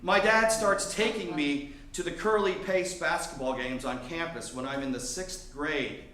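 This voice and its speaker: A man's voice: a little high, measured pace, fairly bright tone, roomy sound. A man from Miami telling a wry, sardonic personal story onstage in a theater. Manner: wry, sardonic, building to mock outbursts. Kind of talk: live storytelling performance. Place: theater stage.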